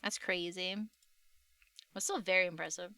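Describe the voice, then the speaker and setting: A woman chatting casually on a livestream in a cute, gushing anime-streamer way, with slangy, expressive exclamations. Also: on the low side, normal speed, clear, resonant tone, no echo. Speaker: VTuber artist and livestreamer.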